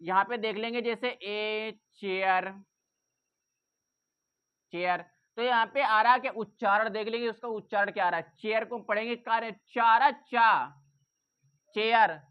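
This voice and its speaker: A woman's voice: medium pitch, steady tone, moderate pace, clean tone. A woman teaching English grammar in a classroom-style lesson, repeating points and asking the class rhetorical questions. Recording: dull lo-fi recording.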